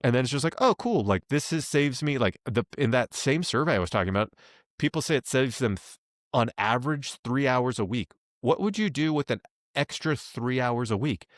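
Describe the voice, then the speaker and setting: A man's voice: mid-range voice, fairly quick, dry recording, studio quality. A man co-hosting a casual business podcast, talking loosely and acting out quotes as he goes. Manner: rambling, animated, acts out quotes. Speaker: podcast co-host.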